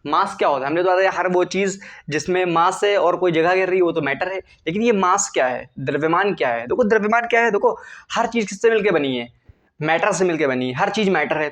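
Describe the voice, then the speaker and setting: High-pitched and a bit bright, with lively intonation, a male chemistry teacher talks fast through a classroom lecture. He tends to ask his own questions and immediately answer them.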